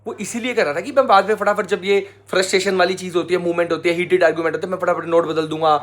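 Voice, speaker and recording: A young man, a travel vlogger telling the viewers a story in animated casual chat. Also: high-pitched, very fast.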